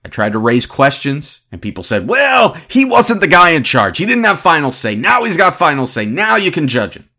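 A man in his thirties giving opinionated sports commentary as a podcast host, ranting in an animated, exasperated way. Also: a little high, normal speed, few pauses. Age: 30s.

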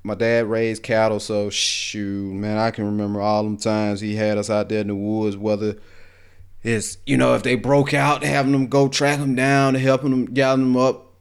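Laid-back country Alabama man, smooth voice. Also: fairly low pitch, flat delivery, normal speed. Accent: rural Alabama Southern. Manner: rambling, folksy, frequent restarts and "man". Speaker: podcast host. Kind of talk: casual solo podcast monologue.

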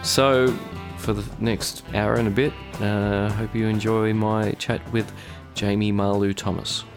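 A man's voice: lowish voice, flat delivery, a little slow. A man hosting a podcast, giving an informal spoken introduction in a casual way. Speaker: host. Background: plucked guitar music.

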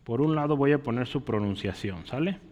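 This preacher talks a little fast, his mid-range voice lively and a little mellow. He teaches the congregation and frequently asks them short questions. The church setting gives the audio a long reverb.

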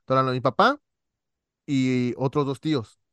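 A man, a podcast co-host telling stories in casual chat, animated and full of slang. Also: mid-range voice, unhurried, smooth, no room sound. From Monterrey, Mexico. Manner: animated storyteller, acts out voices, heavy slang.

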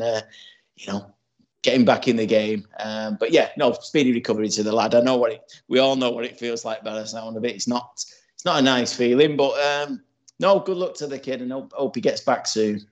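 A man's voice: medium pitch, a little mellow, muffled recording. A man co-hosting a casual podcast who rambles earnestly with lots of restarts. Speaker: podcast co-host.

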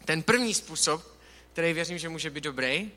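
A young man giving a casual, lively sermon in a church hall, telling a Bible story and acting out the dialogue. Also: a little high. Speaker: youth preacher. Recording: echoey hall with long reverb.

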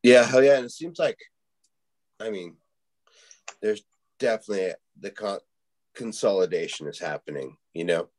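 Deep-voiced man rambling on a podcast. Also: moderate pace, long pauses, a little mellow. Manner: rambling, many fillers and restarts, swears casually. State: hiccups. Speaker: podcast host. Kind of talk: casual podcast chat.

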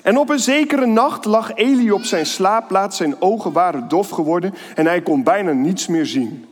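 A man tells a Bible story to children with a lively, playful delivery. His voice sits high and rings out in a large hall with a long reverb. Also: moderate pace. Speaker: pastor. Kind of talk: children's sermon with Bible reading.

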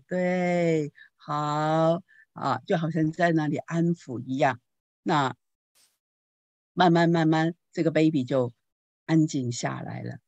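A woman pastor giving a teaching talk on parenting, telling anecdotes in a lively way and asking the audience questions. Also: deep voice, no room sound. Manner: lively storytelling with rhetorical questions.

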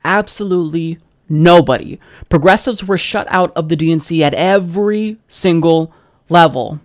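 Higher-voiced American man, sardonic podcast host. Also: moderate pace, no echo, clean studio sound. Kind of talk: political commentary, partly scripted.

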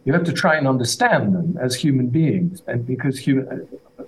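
A man, a guest author, answering radio interview questions in a hesitant, halting way over a remote line that sounds like an echoing tunnel. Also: medium pitch, sing-song. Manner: hesitant, halting, restarts words. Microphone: remote connection into a radio studio.

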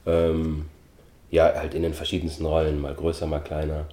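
Man, very low voice, middle-aged, measured interview talk, echoey room. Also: completely flat delivery, dark tone. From Austria. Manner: thoughtful, measured, with frequent hesitation fillers. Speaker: actor, interview guest.

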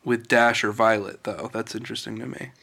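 A man's voice: lowish voice, level tone, a little fast, vocal fry, sharp tone. A young man co-hosting a casual movie podcast, earnest and detail-focused, with frequent restarts. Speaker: podcast co-host.

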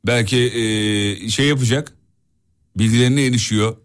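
A man's voice: lowish voice, fairly even intonation, moderate pace, smooth. A man hosting a radio show, bantering casually and teasing his co-host. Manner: teasing, laughs often.

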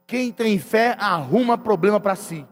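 A man with a high voice preaches a sermon, telling a family story and voicing each person in turn. His voice rings with a long hall reverb. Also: lively intonation, measured pace. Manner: retells family conversations, acting out each person's lines. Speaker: pastor.

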